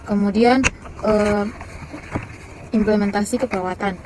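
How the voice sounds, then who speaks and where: A woman reading a nursing care plan aloud, halting often with fillers and restarts, in a flat, list-like way. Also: mid-range voice, noisy background.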